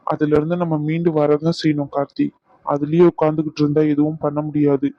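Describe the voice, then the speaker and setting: A man voicing a calm doctor in a cartoon, explaining a treatment in a steady way. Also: fairly high pitch, brisk, no room sound, muffled recording, close to an everyday voice.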